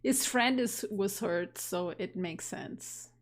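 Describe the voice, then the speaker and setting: Slow-reading woman streamer, voice fading. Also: mid-range voice. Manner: slow, deliberate reading, laughs at oddities. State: losing her voice. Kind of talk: reading a text game aloud on a live stream.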